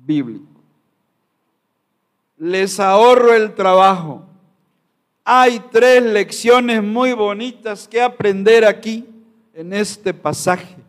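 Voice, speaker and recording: A male pastor preaching a sermon to his congregation, emphatic and full of rhetorical questions. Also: sits high. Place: church sanctuary.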